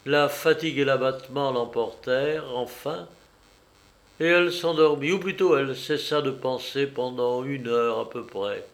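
Male audiobook narrator, measured and expressive. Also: medium pitch. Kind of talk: scripted narration of a classic novel.

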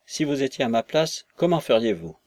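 A man's voice: medium pitch, big pitch swings, a little mellow, dry recording, voice pushed up, close to an everyday voice. Man reading Nekhludov, an earnest landowner. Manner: earnest, persuasive, measured. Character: idealistic young male landowner, earnest and reasoning. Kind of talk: audiobook character reading.

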